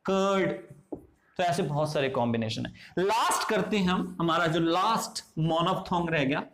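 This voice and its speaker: A man teaching English phonetics in a classroom style. He keeps asking his listeners questions, answers them himself, checks in with short asides, and says example words slowly and more than once. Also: a little high, background noise.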